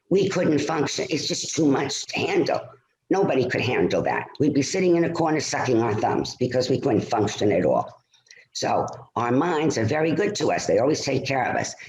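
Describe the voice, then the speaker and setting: Guy giving a talk over zoom, voice goes up and down a lot, keeps saying all right, roomy echoey sound. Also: medium pitch. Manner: lively, repeats "all right?" and "right?" often. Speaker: presenter. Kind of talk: online stress-management talk. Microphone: computer mic on a video call. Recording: roomy video call audio.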